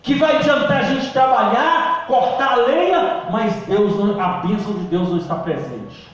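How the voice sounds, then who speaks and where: A male pastor preaching a sermon, calling out to the congregation and swinging between loud emphasis and quiet low lines. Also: normal speed. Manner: preaching with call-and-response, emphatic swings in pitch and volume. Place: church hall. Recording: distant echoey church hall recording, dull.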